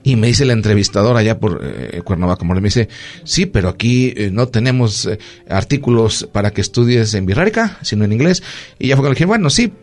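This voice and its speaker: A man's voice: on the low side, a little fast. A man with a Mexican accent, a doctor hosting a casual radio chat, telling stories with lots of fillers. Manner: storytelling, animated, lots of fillers.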